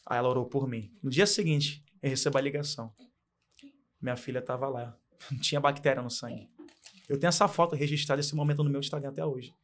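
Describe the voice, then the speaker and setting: A man's voice: mid-range voice, steady tone, fast. A young man from Brazil, telling an emotional faith testimony as a guest, earnest and heartfelt with much repetition.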